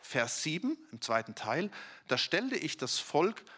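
Guy preaching, chatty and animated, bright voice swinging up and down a lot. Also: fairly high pitch, a little slow. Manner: animated, conversational preaching, addressing listeners directly. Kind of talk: sermon.

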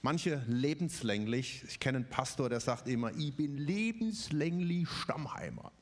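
A man's voice: on the high side, lively intonation, measured pace. A man from the Stuttgart region preaching a conversational sermon, with many fillers and little tag questions. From Ludwigsburg area, Germany.

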